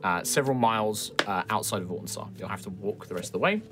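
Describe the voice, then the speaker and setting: Guy game master, halting improvised narration, lively pitch, bit of music under it. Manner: halting, pausing mid-phrase to think. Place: indoor studio set, group at table.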